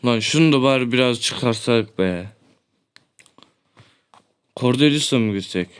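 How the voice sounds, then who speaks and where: A young man giving excited, loud gameplay commentary as a gaming YouTuber, swearing often and breaking into shouts. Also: mid-range voice, measured pace, smooth.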